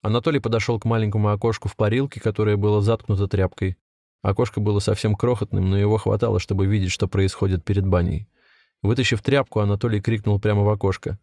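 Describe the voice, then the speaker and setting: Low-voiced man narrating a story. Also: dry recording, clean studio sound. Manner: steady, measured storytelling. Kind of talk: audiobook reading.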